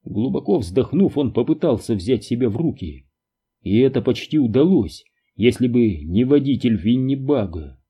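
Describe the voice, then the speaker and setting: A man narrates an audiobook in an expressive storytelling style. His voice is dark and husky, with a lively, moving pitch. The recording is dull and lo-fi. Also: normal speed. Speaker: audiobook reader. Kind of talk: scripted narration.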